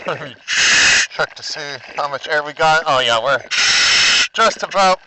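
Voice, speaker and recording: Man talking through a dive mask underwater. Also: takes it slowly. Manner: excitable, breaks into squealing high exclamations. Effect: talking through a full face dive mask underwater. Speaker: scuba diver and vlogger. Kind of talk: casual underwater vlog narration. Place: underwater in a shallow kelp bay. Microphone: mic inside a full face dive mask. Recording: noisy underwater mask recording.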